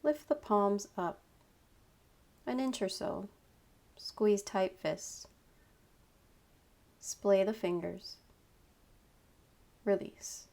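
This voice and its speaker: A woman leading a guided meditation as a yoga nidra teacher, giving calm, unhurried instructions in short phrases with pauses. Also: mid-range voice, vocal fry.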